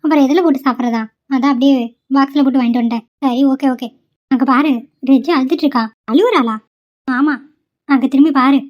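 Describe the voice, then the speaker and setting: Woman playing cartoon college girls, high voice, pleading, muffled lo-fi sound. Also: brisk, natural voice. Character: young female college students, caring friends. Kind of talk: amateur cartoon voice acting.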